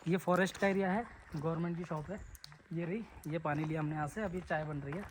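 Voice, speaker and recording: A man's voice: on the high side, fairly even intonation, fast talker, slight background noise, poor audio. A man chatting casually to his viewers while trekking up a foggy hill trail, speaking into a handheld camera. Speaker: travel vlogger. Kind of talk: casual vlog narration to viewers. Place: outdoor hill trek in fog.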